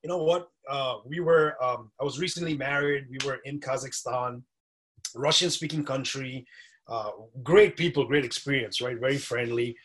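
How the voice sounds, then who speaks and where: A man talking casually as a podcast guest, an animated storyteller who laughs often. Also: medium pitch, normal speed. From Dubai. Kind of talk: casual interview chat.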